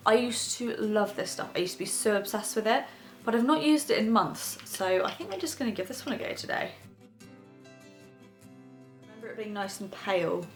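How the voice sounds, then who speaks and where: A young woman films a chatty get-ready-with-me makeup tutorial from her bed in her bedroom, with soft music playing in the background. Her medium-pitched voice is expressive and moderately paced as she chats casually and wanders a bit while applying makeup.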